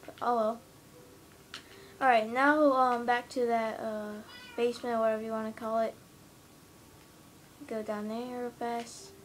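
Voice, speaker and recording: A woman's voice: fairly high pitch, little pitch movement, a little slow, long pauses, slight background noise. A woman gives a casual, rambling tour of her game build from her room at home, filming the TV with a handheld camera and filling her talk with hesitant "um"s and "uh"s. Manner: rambling, hesitant, many fillers. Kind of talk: casual gameplay walkthrough. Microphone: handheld camera filming the TV screen.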